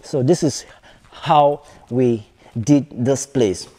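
A young man from Nigeria giving a walking video tour of a fish farm, talking haltingly with many fillers and repeated phrases. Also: medium pitch, dark tone. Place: large concrete fish farm buildings, partly open-air. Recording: long reverb in bare concrete halls.

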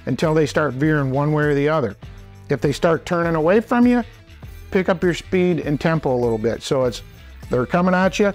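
A man's voice: fairly high pitch, animated, a little fast, soft background music. A man in his forties gives an informal, plain-spoken instructional talk to camera, explaining things in a folksy way. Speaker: instructor and presenter. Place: small indoor wooden workshop.

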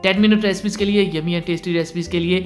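A man's voice: high-pitched, steady tone, rapid-fire, soft background music. Man teaching a recipe, insistent tone. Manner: instructive, repeats warnings, pious greetings. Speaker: cooking channel host. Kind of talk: recipe tutorial voice-over.

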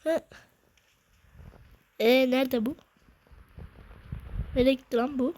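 A woman giving excitable, slangy gameplay commentary, swearing now and then. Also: sits high, slow pace, rough recording. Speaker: gaming video host.

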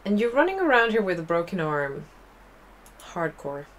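A young Swedish-accented woman hosts a let's play, chatting and rambling as she plays, with wry asides. She speaks at a moderate pace in a fairly low, very animated voice with a fairly bright tone.

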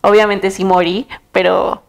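Young woman, Mexican accent, lively storyteller, laughs a lot, mid-pitched voice. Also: measured pace, vocal fry. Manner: lively storytelling, quotes her own thoughts, laughs often. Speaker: runner being interviewed. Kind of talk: casual interview.

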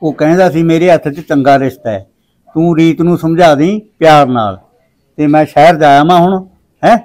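Male actor as proud village father, middle-aged, Punjabi accent, higher-pitched male voice, blunt, domineering, short-film drama. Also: normal speed, darkish tone, close to an everyday voice. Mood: resolute.

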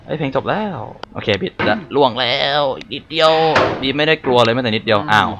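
A young man commenting on his own gameplay, excitable, yelping and exclaiming and talking to himself as he plays. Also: mid-range voice, fast talker, dull audio. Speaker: gaming YouTuber. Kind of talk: let's play commentary. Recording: music playing behind the voice. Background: game music.

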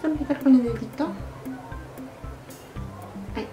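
Excited woman, higher pitch, gushes through a home makeup demo, roomy echo. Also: normal speed, highs cut off, over music. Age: middle-aged. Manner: gushing, excited, lots of diminutives. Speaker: beauty vlogger. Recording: echoey room.

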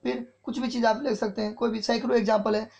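A man teaching English in a classroom lecture, speaking English with an Indian accent, repeating key phrases slowly as if dictating and often checking if it's clear. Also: extremely high pitch, little pitch movement, a little mellow. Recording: dull lo-fi sound.

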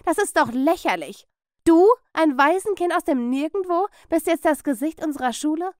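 A woman's voice: sits high, expressive, moderate pace, a little mellow, no echo, clean studio sound, voice pushed up. A woman voicing a spiteful, jealous rich teenage girl who screeches her insults in a dubbed cartoon. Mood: outraged.

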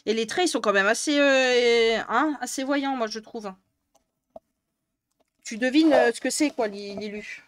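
On a dry recording, a young woman from northern France chats with viewers during a coloring stream, exasperated and swearing frequently. Her voice sits on the high side and her pace is unhurried.

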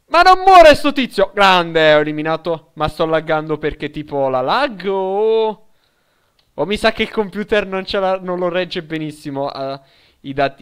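A young Italian man streaming a shooter game, excitedly yelling during fights and muttering quietly between them. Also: fairly high pitch, smooth. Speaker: gaming streamer. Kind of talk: live gameplay commentary.

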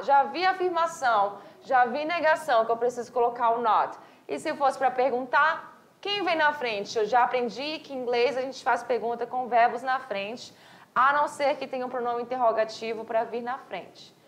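A woman from Brazil teaching an English class, explaining step by step with rhetorical questions and reading examples slowly. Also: high voice, a bit bright. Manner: asks rhetorical questions and answers them. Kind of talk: recorded online class for high school.

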